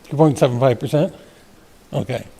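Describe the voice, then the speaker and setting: A man with a gravelly, creaky voice speaks at a council meeting's public comment time. He is plain and matter-of-fact, in a council chamber. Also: medium pitch, moderate pace, mellow. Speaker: member of the public addressing council.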